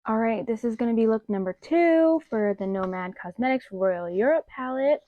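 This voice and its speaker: A woman's voice: fairly high pitch, normal speed, no room sound. Chatty woman with a slight lisp. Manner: chatty, expressive, rambling with fillers. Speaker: makeup vlogger. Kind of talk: casual chat. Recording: dull lo-fi dry sound.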